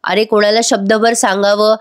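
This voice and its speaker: A woman's voice: mid-range voice, little pitch movement, normal speed, lightly acted. A woman voicing an angry, proud middle-aged mother scolding her son.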